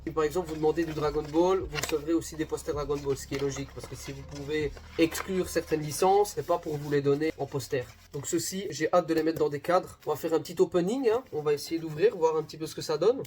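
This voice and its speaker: A man's voice: fairly high pitch, fast talker, hardly any pauses, darkish tone, a little hiss or hum. Chatty man hosting an unboxing video. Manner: chatty, self-deprecating, addresses viewers as "guys". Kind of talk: casual unboxing chat.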